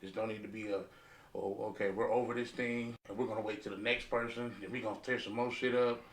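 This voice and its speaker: This American podcast panelist talks fast in a lowish voice with little pitch movement, casual yet emphatic, repeating phrases for stress during the round-table discussion. The recording has a roomy echo, slight background noise, and distance from the mic.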